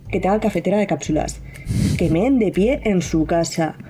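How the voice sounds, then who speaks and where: Deadpan Spanish woman talking through braces. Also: fairly low pitch, normal speed, slight background noise. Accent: Spanish from Spain. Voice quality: talking with new braces, slightly impeded speech. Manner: deadpan, sardonic. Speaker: guest contributor to a podcast. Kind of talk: comedic scripted monologue, reading a list.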